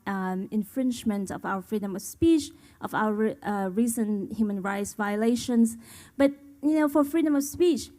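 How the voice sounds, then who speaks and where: A woman's voice: a little high, darkish tone. Woman from Vietnam giving a conference talk. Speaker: panel speaker, human rights advocate. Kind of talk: conference presentation.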